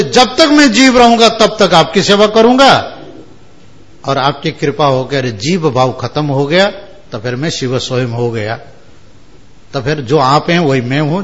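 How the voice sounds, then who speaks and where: A man's voice: mid-range voice, fairly bright tone. A man giving a spiritual discourse, chanting verses and explaining them word by word, often checking with his listeners. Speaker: religious discourse speaker.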